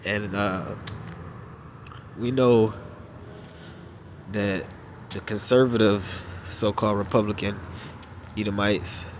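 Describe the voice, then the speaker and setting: A man with a stuffed-up, nasal voice offers unhurried religious commentary, stretching out phrases with filler pauses. His pitch is fairly low and his intonation fairly even, with a little hiss or hum behind him.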